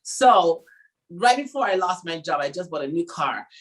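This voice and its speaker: A middle-aged Jamaican fashion designer tells her story in an interview, animatedly acting out the people she quotes. She speaks at a normal speed in a voice on the low side.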